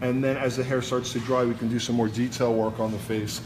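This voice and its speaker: A man's voice: mid-range voice, level tone, fairly quick. A man with a Brooklyn accent giving a casual live hairdressing demonstration, explaining informally step by step as he works. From New York, USA. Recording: noisy busy salon background.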